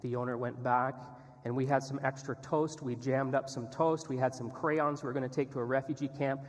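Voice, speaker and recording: A man's voice: medium pitch, steady tone, fairly quick. A male missionary telling an earnest, candid story as a sermon testimony in a church. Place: church sanctuary. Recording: long reverb in a church hall.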